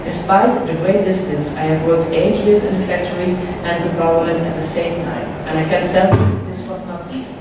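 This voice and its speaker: A non-native woman speaks in a steady, earnest way to a panel audience in a big conference hall. Her voice is distant from the mic and rings with heavy echo over clear background noise. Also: fairly low pitch. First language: Dutch. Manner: earnest, deliberate, stumbles over words. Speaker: member of parliament, panel speaker. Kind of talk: prepared speech at a panel.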